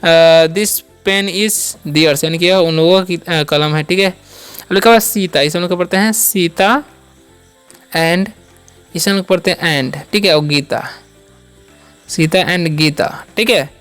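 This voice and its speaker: A man with a high, smooth, clear voice teaching English vocabulary in a patient classroom manner. He spells out each word, asks what it means and then answers himself, closing each point with a reassuring check-in. Faint music plays underneath. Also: slow pace, a bit bright. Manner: repeats each word, asks and answers his own questions. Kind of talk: step-by-step classroom-style lesson.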